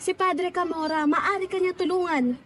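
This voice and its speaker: A woman's voice: very high-pitched, moderate pace, slight background noise. A young woman playing a caring but insistent older woman in a school drama, with an urgent, coaxing manner. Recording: loud music behind.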